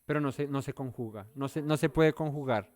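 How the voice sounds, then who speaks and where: A man's voice: mid-range voice, fairly quick, a little mellow. A man leading an interactive Bible study, talking in a conversational way and often asking the listeners questions. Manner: conversational, thinks aloud.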